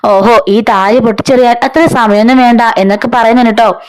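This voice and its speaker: A woman's voice: fairly high pitch, fairly even intonation, brisk. A woman from casually retelling a serial story, chatty and conversational, quoting the characters in her own voice. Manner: chatty, adds "ട്ടോ" tags, quotes characters in own voice.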